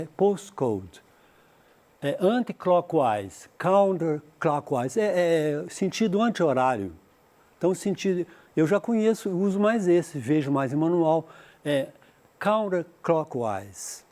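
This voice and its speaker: A middle-aged man with a Brazilian Portuguese accent, teaching an English lesson. He explains points and repeats words slowly to model how they sound. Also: fairly high pitch, mellow. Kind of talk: recorded classroom lesson.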